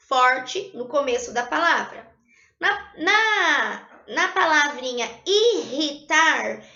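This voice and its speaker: In a recorded Portuguese spelling lesson, a woman teacher patiently walks students through the rules, sounding out syllables slowly and clearly and tagging her sentences with "tá?". Her voice is high and bright with a gravelly edge, captured lo-fi in an echoey room.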